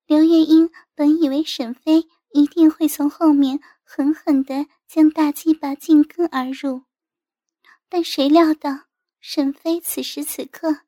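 Woman reading a story out, steady and even, high voice, dry close mic. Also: no echo. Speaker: narrator. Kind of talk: scripted narration.

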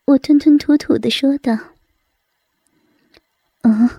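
A woman narrating a story in a soft, breathy whisper. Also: high voice, steady tone, fairly quick, no echo.

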